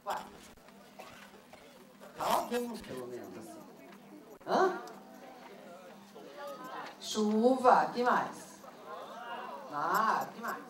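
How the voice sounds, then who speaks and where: A woman with a mid-range voice speaks very slowly, pausing often, over crowd noise. A teacher trainer leading a workshop for teachers, she is lively and fires questions at the audience, captured on a distant mic in a roomy, noisy room.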